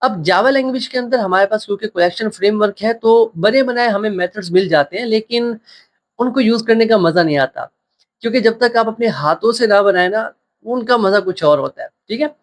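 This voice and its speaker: A man's voice: sits high, a little fast. A man teaching programming in a screen-share coding tutorial, patiently repeating points and checking that listeners follow.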